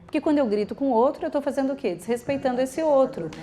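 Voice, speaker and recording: A woman's voice: sits high, fast talker, a little hiss or hum. A woman lecturing teachers and parents, acting out what children and adults say. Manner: lively, acts out quoted children and adults.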